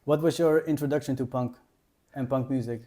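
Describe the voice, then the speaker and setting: A male podcast host with a mellow, mid-pitched voice. He asks brief, casual questions and backs up his guest with quick agreement. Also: steady tone. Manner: short questions and frequent agreeing murmurs. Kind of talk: casual interview. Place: tattoo shop.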